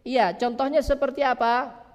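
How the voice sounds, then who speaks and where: A man teaching Quran recitation, who asks questions and answers them himself and draws out sounds slowly to demonstrate them. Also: very high voice, little pitch movement. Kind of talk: religious lesson on pronunciation. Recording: long hall reverb.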